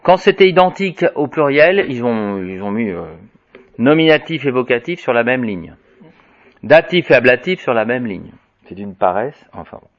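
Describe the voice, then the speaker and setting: A man's voice: medium pitch, sing-song, normal speed. A man teaching a Latin lesson, chanting the word forms aloud and explaining them between the chants. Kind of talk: lesson reciting declensions. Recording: dull lo-fi recording.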